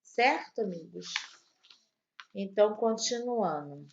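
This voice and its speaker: A woman teaching an online grammar lesson to young children, slow and patient, spelling out each word. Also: mid-range voice, lively intonation, darkish tone, lo-fi sound, a little hiss or hum. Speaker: primary school teacher.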